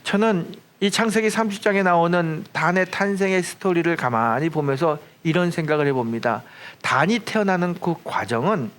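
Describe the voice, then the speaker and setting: A man's voice: on the high side, lively intonation, moderate pace, fairly bright tone. A male senior pastor preaching a sermon in church, telling a story and acting out the quoted lines with rising and falling emphasis. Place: church sanctuary.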